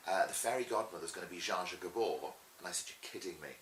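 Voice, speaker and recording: Quick and low, with a slightly bright edge, a middle-aged man spins lively interview anecdotes as a pantomime performer. He's emphatic, theatrical and chatty. Faint hiss and a roomy echo color the recording.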